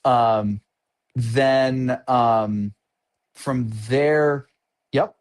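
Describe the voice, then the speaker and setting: Guest, male, 50s, casual interview; relaxed, hesitant, filler-heavy delivery; medium pitch. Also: very slow. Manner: easygoing, hesitant with many ums. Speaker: guest artist.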